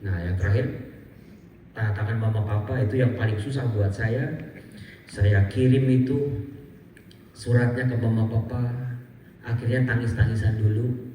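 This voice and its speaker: Animated priest in a booming hall. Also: male voice, moderate pace, pauses often, slight background noise. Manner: animated, self-mocking, acts out quoted voices with high sing-song pitch. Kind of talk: storytelling sermon. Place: large echoey hall with audience. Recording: reverberant hall, voice far from mic.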